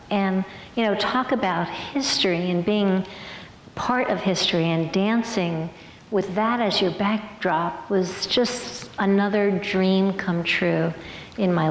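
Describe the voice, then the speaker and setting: A woman's voice: mid-range voice, slight background noise. An older woman, a former ballerina, telling stories on stage in a big hall, acting out quotes and dropping to whispers. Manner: lively, acts out quotes, drops to whispers. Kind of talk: stage storytelling show. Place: large arts hall, live audience. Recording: echoey hall with long reverb and faint music.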